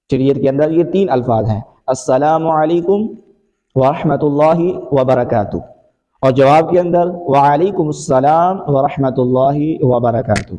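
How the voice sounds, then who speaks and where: Male preacher, mellow high-ish voice, slow deliberate sermon, long hall echo. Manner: measured, drawn-out emphasis with Arabic recitation. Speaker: mufti preacher. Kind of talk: religious sermon.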